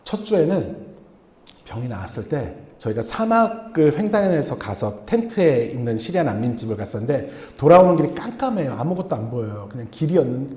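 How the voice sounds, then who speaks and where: A man preaching a sermon as a missionary, telling a personal story in an animated way and acting out the dialogue. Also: fairly high pitch, echoey room. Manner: animated, acts out dialogue in changing voices. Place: church sanctuary.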